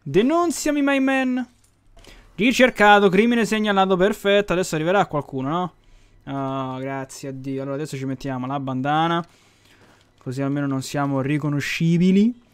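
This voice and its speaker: A young man with a high voice, chattering through a gameplay session at his desk mic. He swears freely, taunts the characters on screen and jumps to shouting when things go wrong. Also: fairly even intonation, brisk, smooth. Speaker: gaming channel host. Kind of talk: casual gameplay commentary.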